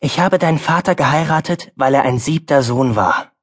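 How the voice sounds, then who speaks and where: A man's voice: fairly high pitch, normal speed, close to an everyday voice. A man voicing a stern, wise farm mother. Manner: firm, earnest, then softer.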